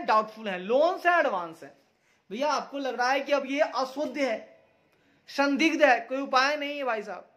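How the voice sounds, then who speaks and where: A man's voice: extremely high pitch, pushed and bright, reverberant, distant mic, low-quality recording. A male teacher giving an exam-prep lecture, playful, repeating each term and asking and answering his own questions. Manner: playful, repeats terms, sings a jingle, asks and answers himself. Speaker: commerce teacher.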